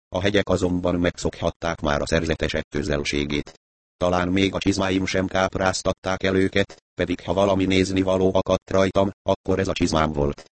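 Deep-voiced man reading a story. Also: no room sound. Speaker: audiobook narrator. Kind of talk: scripted narration.

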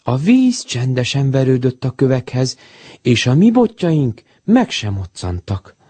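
A man reading a children's storybook aloud in an expressive, animated way. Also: mid-range voice, slightly rough, no echo.

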